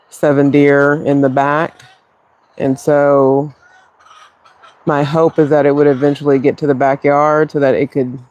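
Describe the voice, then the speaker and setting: Man, hushed live-stream host outdoors, gravelly, flat delivery, dry phone sound. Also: fairly high pitch, dry recording, dull audio. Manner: quiet, halting, talking softly on purpose. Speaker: livestream host. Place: backyard, outdoors. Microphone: phone mic.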